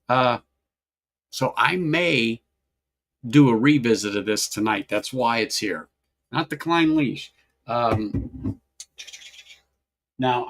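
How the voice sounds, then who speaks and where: A man's voice: medium pitch, vocal fry, a bit bright. A man hosting a casual whiskey-tasting livestream, rambling, repeating himself and greeting chat viewers by name.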